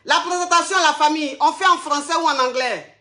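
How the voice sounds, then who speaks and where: A woman's voice: high-pitched, brisk, bright, forceful tone, reverberant. A woman hosting a casual live stream, chatting to her viewers and repeating her questions to them. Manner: chatty, keeps asking viewers the same question.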